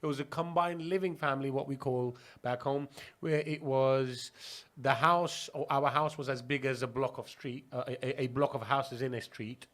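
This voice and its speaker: A man's voice: medium pitch, fairly even intonation, moderate pace, few pauses, a bit bright. A man from Pakistan telling stories as a podcast guest, chatty and laughing, with many restarts. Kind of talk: casual interview storytelling.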